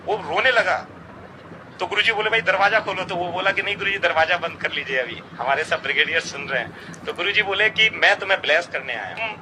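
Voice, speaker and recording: Middle-aged man telling a devotional story. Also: fairly high pitch. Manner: earnest, quotes others in dialogue. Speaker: devotee recounting a satsang experience. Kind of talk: storytelling testimony. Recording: outdoor traffic noise behind.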